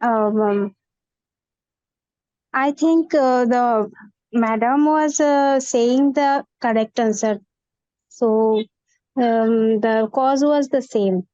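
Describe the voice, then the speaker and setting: A woman teacher answering hesitantly on a video call, with many pauses and fillers. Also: on the high side, mellow, no echo, highs cut off. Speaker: school teacher, participant.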